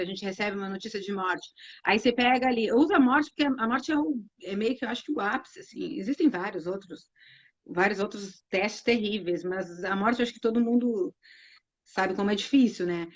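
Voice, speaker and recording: A woman with a fairly high voice, talking reflectively and loosely, full of fillers and restarts. Her audio comes through a dull, muffled live stream. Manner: reflective, many fillers and restarts, retells hadith with acted quotes. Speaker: co-host of Islamic live talk. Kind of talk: casual religious talk.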